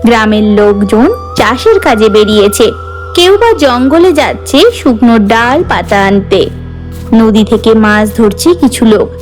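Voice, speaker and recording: A woman narrating a cartoon story in a measured storytelling manner. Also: fairly high pitch, darkish tone, low-quality recording.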